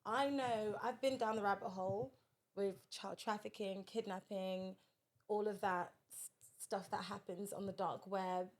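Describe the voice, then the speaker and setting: A woman's voice: medium pitch, fairly even intonation, measured pace. A woman, a podcast guest, telling a personal story in a direct, earnest way in casual conversation.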